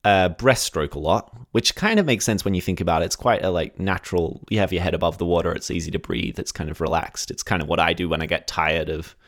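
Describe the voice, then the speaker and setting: A relaxed Australian man who hosts a podcast and tells a story in a loose, conversational way. His voice sits a little low, and he chuckles and backtracks freely as he talks. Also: fast talker, few pauses. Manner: chatty, laughs often, self-correcting. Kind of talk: casual storytelling chat.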